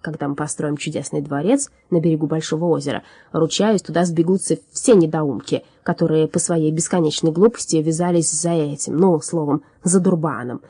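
Woman reading storybook villain-ish old alchemist, irritable braggart, mellow husky tone, dry close sound. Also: sits low, brisk, hardly any pauses, no room sound. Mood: boastful. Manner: shouting, bragging and scornful. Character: grumpy boastful old male hunchback alchemist. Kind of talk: audiobook character voice.

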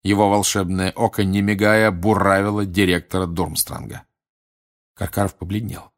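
Low-voiced guy reading a bedtime story, calm and even. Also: normal speed. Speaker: audiobook reader.

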